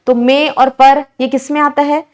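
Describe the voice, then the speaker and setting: A woman's voice: high-pitched, level tone, moderate pace. A woman teaching an exam-prep lesson, explaining each answer step by step and constantly asking her students questions.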